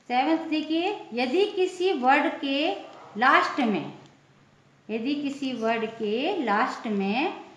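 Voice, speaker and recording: Woman teacher, high voice, slow and deliberate, spells each word out, then answers her own question; echoey lo-fi room. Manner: spells words letter by letter, then repeats the answer slowly. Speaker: English pronunciation teacher. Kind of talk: classroom lesson. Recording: echoey room, dull lo-fi sound.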